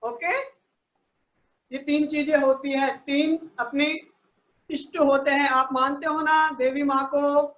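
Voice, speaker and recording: High-voiced woman teaching children slowly. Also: little pitch movement, fairly bright tone, roomy sound, highs cut off. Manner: patient, explains slowly, asks "ठीक है ना" again and again. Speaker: teacher of a children's values class. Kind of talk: online class for children. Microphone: online video call.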